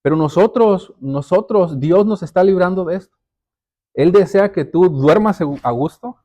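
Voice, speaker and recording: A male pastor delivers a sermon in a mellow, warm voice that sits a bit high for a man. He preaches earnestly and talks straight to his listeners. He often repeats words while he builds toward a point. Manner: addresses listeners directly as brothers and sisters.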